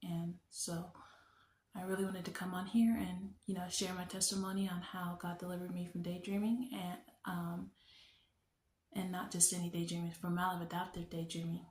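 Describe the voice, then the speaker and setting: A young woman sharing a personal faith testimony on her vlog, speaking in an earnest, unhurried, reflective way. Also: on the low side, flat delivery, a little mellow, a little hiss or hum. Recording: echoey room.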